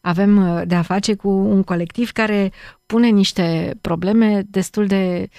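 A woman's voice: mid-range voice, fairly even intonation, dark tone, no room sound. A woman hosting a live radio interview, speaking into a studio microphone. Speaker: radio host.

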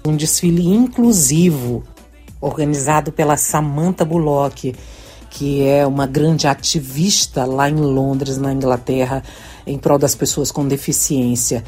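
A woman's voice: extremely low pitch, unhurried, dark tone, slightly rough, faint music behind. A woman from Brazil, a singer, speaking earnestly in an interview and often tagging her sentences with little questions. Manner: earnest, frequent tag questions. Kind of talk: interview soundbite.

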